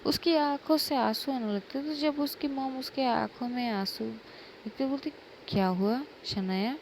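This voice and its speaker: A woman's voice: high voice, steady tone, normal speed, gravelly, slight background noise, low-quality recording. A woman narrating a love story in a chatty, casual way, often repeating speech tags.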